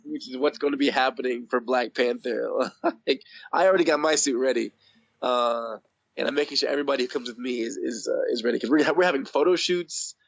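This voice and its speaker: A man guest in a casual interview, hoarse with his voice going out, talking in a rambling, enthusiastic way. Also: medium pitch, a little fast. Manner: rambling, enthusiastic, laughs often. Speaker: podcast guest. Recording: dull lo-fi audio.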